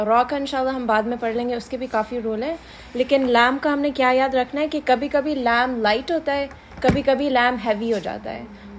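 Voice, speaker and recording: Woman teaching a class, patient, repeats stuff slowly, bit of hiss behind. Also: high-pitched. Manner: patient, mixes Hindi-Urdu with English, repeats examples slowly. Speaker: Quran recitation teacher. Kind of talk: class lesson.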